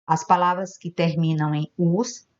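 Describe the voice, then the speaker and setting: A patient woman teacher from Brazil talks young pupils through a recorded lesson, slowly and gently checking each answer. Her voice sits a little low, and the recording sounds dull and lo-fi, like a home video. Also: steady tone. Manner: gentle, patient, explains step by step. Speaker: primary school teacher.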